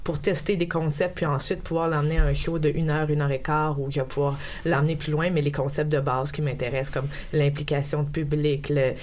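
A woman's voice: sits low, little pitch movement, fairly quick, hardly any pauses, a little mellow. A woman with a Quebec French accent talking casually about her work as an interview guest.

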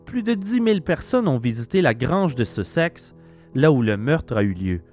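A Québécois man delivers scripted documentary narration. His mid-pitched voice moves animatedly up and down while he tells things reflectively. Faint guitar music sits underneath. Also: sing-song, normal speed, darkish tone. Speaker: host narrator.

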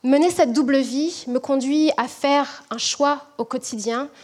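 A woman from French Guiana, a management professor, giving a measured, reflective prepared talk to an audience. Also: high voice, steady tone, a little mellow.

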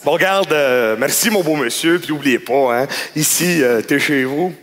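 Self-mocking stand-up man, high voice. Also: moderate pace. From Quebec, Canada. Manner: self-mocking, animated storyteller. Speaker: stand-up comedian. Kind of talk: stand-up comedy routine. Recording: noisy live club.

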